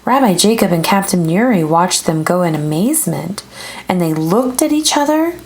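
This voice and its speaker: Using a lowish voice and moderate pace, a woman narrates a children's book with expressive, storytelling flair.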